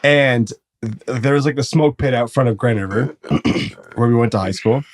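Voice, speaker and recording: A man's voice: medium pitch, normal speed. A young man, a podcast co-host, telling rowdy stories in casual chat, swearing freely. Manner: animated, swearing, laughing through stories. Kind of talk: casual storytelling.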